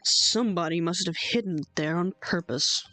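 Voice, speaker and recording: A woman voicing an earnest young male defense lawyer who reasons through the case calmly. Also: on the low side, normal speed. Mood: determined.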